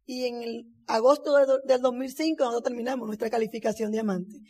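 A high-pitched woman speaks in her forties, giving a heartfelt testimony to an audience. She tells her story with feeling and acts out each line of dialogue. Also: fairly even intonation, brisk, darkish tone, slight background noise. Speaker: motivational speaker. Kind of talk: stage testimony speech.

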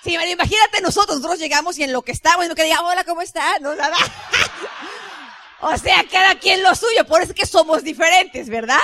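A woman with a Mexican accent giving a motivational business talk as a team leader, chatty and lively, often imitating other people's voices. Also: very high-pitched, fairly quick. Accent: Mexican Spanish. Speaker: network marketing team leader.

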